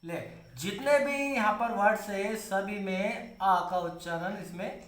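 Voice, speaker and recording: A man with a high, bright voice teaches English pronunciation in Hindi, asking his own rhetorical questions and repeating example words slowly. He sounds like he is in an echoey room. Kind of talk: Hindi-medium pronunciation lesson.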